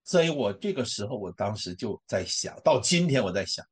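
Animated husky man telling a testimony. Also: fairly low pitch, brisk. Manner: emotional, animated storytelling with many fillers. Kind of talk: personal testimony talk.

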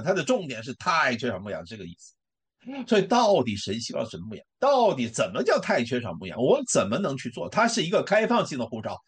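Husky guy telling his faith story, voice swings up and down a lot, lots of fillers. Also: mid-range voice. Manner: emotional, animated storytelling with many fillers. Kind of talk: personal testimony talk.

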